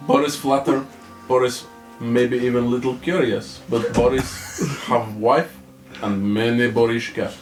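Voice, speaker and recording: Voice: mid-range voice, fairly even intonation, a little slow, faint music behind, lightly acted. Someone playing a blunt orc in broken English. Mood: gruff. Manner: broken English, drops articles and verb endings. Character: loyal sneaky male orc who speaks of himself by name. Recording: roomy and distant.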